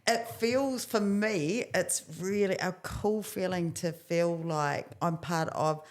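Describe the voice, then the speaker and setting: A woman's voice: lowish voice, slow pace. A woman in her forties with a New Zealand accent, a podcast guest who talks in a hesitant, agreeable way with many fillers. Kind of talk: casual interview.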